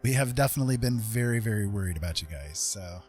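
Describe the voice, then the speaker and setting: A livestream host with a lowish, slightly mellow voice talks fast and animatedly, rambling casually with his viewers. Faint music plays behind him.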